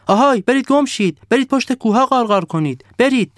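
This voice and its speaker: A man's voice: very high-pitched, expressive, dry recording, studio quality, voice pushed up. A man voicing a bossy, greedy snowman who barks rude orders at villagers in a storybook tale. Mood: shouting orders. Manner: barking orders, rude and demanding.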